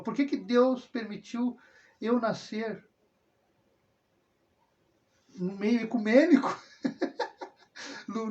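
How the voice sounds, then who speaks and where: A religious video host from southern Brazil speaks in a high-pitched, darkish male voice. His talk is a casual, rambling personal monologue, full of tag questions and self-corrections, captured in dull lo-fi sound.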